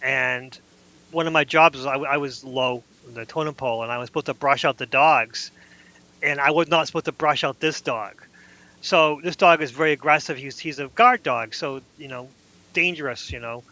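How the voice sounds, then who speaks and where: A man's voice: mid-range voice, moderate pace, sharp tone. A man in casual podcast chat, telling rambling anecdotes full of restarts. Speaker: podcast host.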